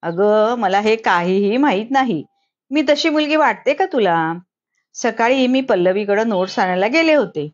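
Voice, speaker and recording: A woman's voice: fairly high pitch, expressive, normal speed, dull audio, lightly acted. A woman reading a storybook, voicing a teenage girl who tearfully pleads with her mother. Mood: pleading.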